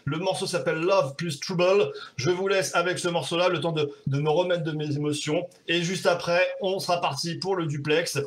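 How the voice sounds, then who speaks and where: Breathless excitable French-speaking man hosting. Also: a little high, a little fast, few pauses. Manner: breathless, excitable, swearing and laughing. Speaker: livestream host. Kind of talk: casual livestream chat. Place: home room. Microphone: webcam.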